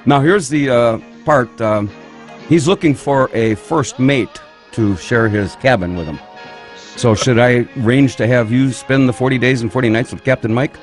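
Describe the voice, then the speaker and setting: A man's voice: mid-range voice, normal speed, faint music behind. A man hosting a radio show, wisecracking through a string of one-liners and laughing at his own jokes. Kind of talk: joking radio banter.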